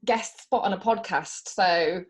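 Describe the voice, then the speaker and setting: A woman's voice: fairly low pitch, unhurried, breathy edge. Chatty woman podcast guest from South Africa. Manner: warm, chatty, laughs easily, emotional. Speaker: podcast guest, business coach. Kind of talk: casual interview chat.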